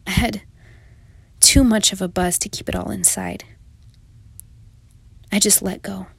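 A woman's voice: medium pitch, steady tone, unhurried, gravelly, husky, no room sound. A young adult woman reading her own first-person story in a reflective, confessional manner. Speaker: narrator. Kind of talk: first-person memoir narration.

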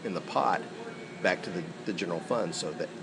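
Deep American man, conversational radio commentary. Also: brisk, gravelly, heavy background noise. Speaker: radio panel co-host.

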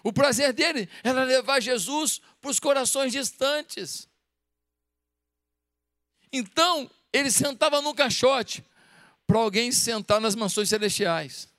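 Man, Brazilian Portuguese accent, pastor, sermon, emphatic rhetorical questions, very high voice. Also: takes it slowly, a bit bright, dry recording, clean studio sound.

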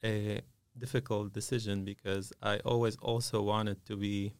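A man's voice: lowish voice, flat delivery, normal speed, clear, resonant tone, no echo. A man, a dentist talking as a guest in a podcast studio, hesitant and full of fillers. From Syria. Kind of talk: casual interview.

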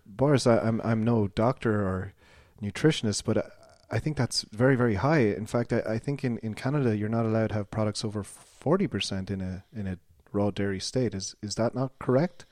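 A man's voice: lowish voice, fairly quick, hardly any pauses, darkish tone, no room sound, lightly acted. Man playing a polite local radio host, dry sound. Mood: polite, curious. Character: polite, earnest male local interview show host. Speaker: interview host. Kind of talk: mock radio interview.

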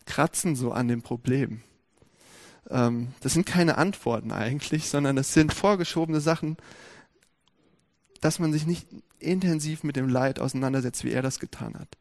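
A man preaching a sermon, speaking lively and directly to his congregation with many rhetorical questions. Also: medium pitch.

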